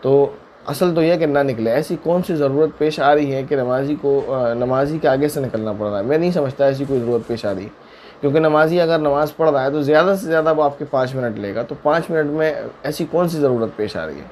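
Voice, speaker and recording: A man giving a religious question-and-answer lesson as a mufti, in a voice of middling pitch. He talks patiently and builds each answer step by step from everyday examples. There is a faint hiss of background noise. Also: a little mellow.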